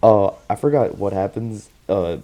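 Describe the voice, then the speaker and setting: Low-voiced young man swearing through a casual recap. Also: normal speed, mellow. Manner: slangy, swearing, laughs a lot. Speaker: vlogger recapping a TV show.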